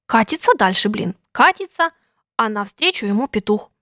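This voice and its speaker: A woman narrating a folk tale in a rhythmic, lively storytelling manner. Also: medium pitch, moderate pace, no echo, clean studio sound.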